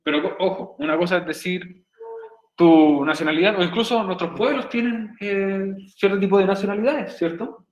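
A Chilean man teaches an English class online in Chilean Spanish from a room at home over a video call, chatty and jokey and often checking in with his students. His high voice moves at a moderate pace, and the sound is reverberant and lo-fi.

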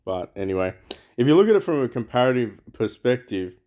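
A man's voice: medium pitch, sing-song, fairly quick, warm tone. A man giving rambling, casual commentary over a mobile game, thinking aloud with lots of fillers. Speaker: mobile game channel host.

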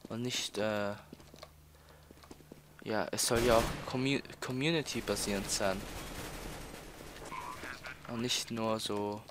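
This Austrian teenager commentates casually on his gameplay in a lowish, fairly even voice, talking slowly with long pauses over a noisy background. As a let's player, he stalls often, repeats words and leans on fillers.

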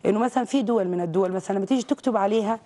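A woman from Saudi Arabia speaks very fast, pressing her points hard in a televised interview. Her voice is mellow and dark in tone, and she talks with emphatic conviction. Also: medium pitch. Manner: outspoken, rapid and emphatic. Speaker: guest, visual artist. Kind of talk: TV interview conversation.

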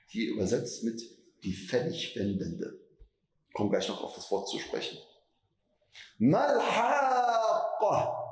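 A man's voice: a little high, reverberant, poor audio. A man giving a Quran commentary lecture as imam, asking rhetorical questions and stretching words for emphasis.

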